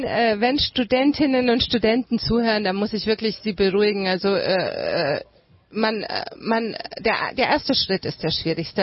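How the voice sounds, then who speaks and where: A woman's voice: mid-range voice, breathy edge, dull audio. Chatty woman guest in her thirties. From Germany. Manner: lively, chatty, laughs easily. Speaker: guest, former graduate. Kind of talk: conversational interview answers.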